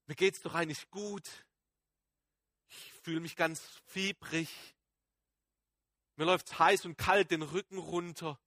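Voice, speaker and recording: A man's voice: on the high side, no echo, clean studio sound, heavily acted. A man acting Paulus, fervent and shaken. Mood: awed, fervent. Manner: emotional and halting, swinging between excited outbursts and hushed awe. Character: Apostle Paul as a man, shaken and fervent, recounting his conversion. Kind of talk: dramatic first-person sermon monologue.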